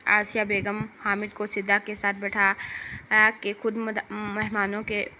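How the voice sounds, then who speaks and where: A woman's voice: mid-range voice, completely flat delivery, measured pace, pushed and bright, slight background noise. A woman reading a light comic novel aloud as narrator, voicing every character herself.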